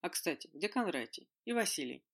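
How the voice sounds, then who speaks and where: A man's voice: fairly high pitch, sing-song, a little fast, gravelly, fairly bright tone, husky, exaggerated voice. A reader voicing a grumpy, sarcastic adult man who grumbles and mocks his friends. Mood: grumbling. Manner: grumbling, mocking.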